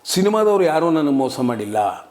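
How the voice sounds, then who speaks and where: Older man in his sixties, sincere and reflective, a touch high-pitched; interview guest. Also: big pitch swings, normal speed, music in the background. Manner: earnest, reflective storytelling. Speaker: interview guest, comic actor. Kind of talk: casual interview talk.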